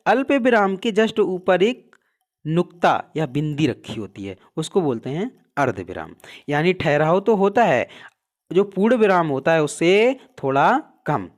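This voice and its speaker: A man teaching a Hindi grammar class for exam prep. He asks questions and answers them himself, and his voice drops low and soft at the ends of answers. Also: sing-song, a little slow.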